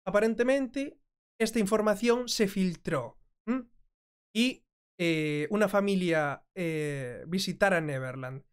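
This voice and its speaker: A woman's voice: medium pitch, lively intonation, slow, clean tone. A woman hosting a commentary video, translating and reacting to clips in a chatty way, often asking "mm?". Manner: conversational, frequent checking "¿mm?". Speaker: commentary host.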